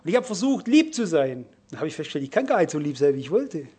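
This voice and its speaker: A middle-aged man preaching a sermon. He speaks emphatically, slowing and swelling on key words before dropping quiet again. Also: a little high, big pitch swings, breathy edge.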